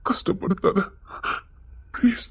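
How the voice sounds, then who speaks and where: A man's voice: takes it slowly, close to an everyday voice. A man playing a brash young man who challenges the woman he loves, then turns guilty and pleading. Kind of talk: screen drama acting.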